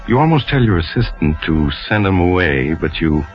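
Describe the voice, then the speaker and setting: An actor playing a sinister, knowing mystery host who narrates an old radio thriller in a theatrical, ominous manner. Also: male voice, low voice, sing-song, normal speed. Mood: grim, knowing. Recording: muffled old radio recording with loud music.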